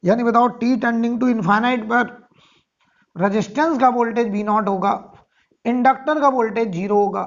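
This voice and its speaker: A man's voice: very high voice, steady tone, a little slow. Male physics teacher, lecturing, answers his own questions and repeats phrases; muffled lo-fi recording. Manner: keeps asking and answering rhetorical questions, repeats key phrases. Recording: dull lo-fi sound.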